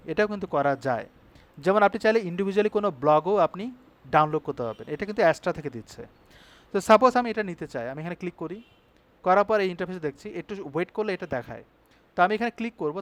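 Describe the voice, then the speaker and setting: A man teaching a live online web design class, talking fast and stopping often to check that his students follow. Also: high-pitched, fairly bright tone.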